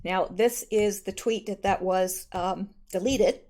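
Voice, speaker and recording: A woman's voice: mid-range voice, fairly even intonation, slow, darkish tone. Chatty woman host musing aloud. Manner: loose and conversational, with frequent ums and self-corrections. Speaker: channel host. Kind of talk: casual commentary reading and discussing tweets.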